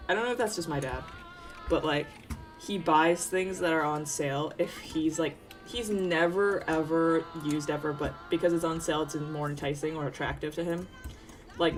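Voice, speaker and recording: A young Taiwanese woman VTuber streamer with a low voice chats casually on a livestream while she works, with faint music in the background. She rambles and interrupts herself with tangents and laughter.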